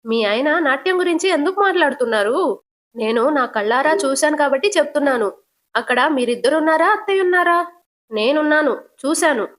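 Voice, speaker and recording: A woman's voice: sits high, lightly acted. Woman voicing an earnest young daughter-in-law. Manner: earnest, insistent.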